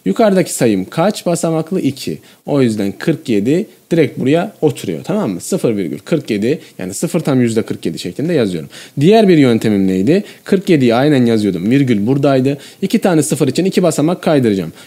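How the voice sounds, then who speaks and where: A man's voice: mid-range voice, very animated, brisk, few pauses, dark tone. A man teaching a math lesson, explaining each step and often checking in with the viewer.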